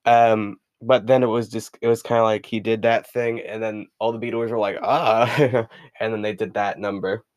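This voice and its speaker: A man's voice: lowish voice, level tone, normal speed, darkish tone, dry recording. A young man hosting a casual solo podcast, rambling with many fillers and reading passages aloud from a book. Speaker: podcast host.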